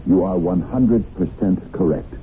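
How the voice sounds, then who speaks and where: In a muffled, noisy 1970s radio drama, an actor with a low, unhurried voice plays a sly, stingy swindling businessman. The character is smoothly officious, pedantic and mock-courteous, with a smug, oily mood.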